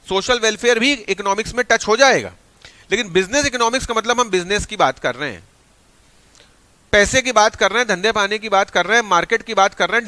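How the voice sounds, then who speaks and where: A male teacher giving an energetic exam-prep lecture, mixing Hindi with phrases. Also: high voice, no echo.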